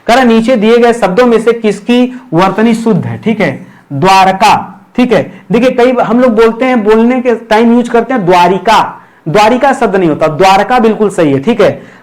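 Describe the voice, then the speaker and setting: A man's voice: sits high, expressive, moderate pace. A man teaching an exam-prep video lesson, repeating each word, asking himself questions and checking in with viewers. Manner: repeats words and asks himself rhetorical questions; keeps addressing viewers as friends. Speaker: Hindi grammar teacher.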